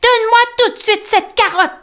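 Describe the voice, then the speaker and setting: A woman's voice: sing-song, measured pace, sharp tone, heavily acted. Woman voicing Tom the squealing little mole. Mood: exasperated. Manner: squealing, exclaiming in high bursts. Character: excitable fussy little male mole. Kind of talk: children's storybook reading.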